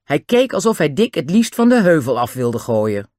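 A man reading a children's adventure story aloud, in a lively, expressive way. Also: fairly high pitch, normal speed, dry recording, studio quality. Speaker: narrator. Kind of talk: audiobook narration of a children's book.

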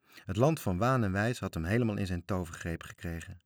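A man reading a children's story aloud, with lively, expressive narration. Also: deep voice, fairly quick, dry recording, studio quality.

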